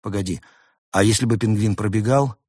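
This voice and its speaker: A stern, sardonic male animal, as a man puts him on. He speaks drily and sharply with a husky voice. A close, dry storybook recording. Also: on the low side, fairly even intonation, fairly quick, a little mellow, dry recording. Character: stern male animal, exasperated elder brother.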